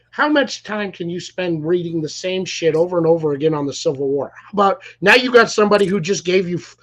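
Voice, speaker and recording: A man's voice: sits high, fairly bright tone. A man, hosting a casual interview chat and telling rambling stories with many restarts. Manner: loose, rambling storyteller with frequent restarts. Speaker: podcast host. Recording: dull lo-fi audio.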